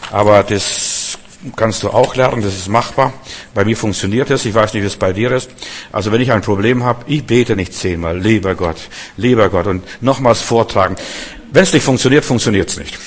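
A man preaching a conversational sermon, speaking to the listener directly and building to loud, emphatic outbursts. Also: on the low side. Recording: long reverb.

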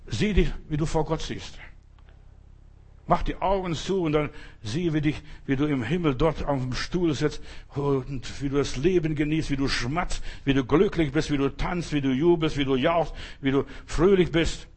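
A man's voice: on the high side, normal speed, darkish tone, slightly rough. A man preaching a sermon at a church service, emphatic and speaking straight to his listeners. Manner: emphatic, addresses listeners directly.

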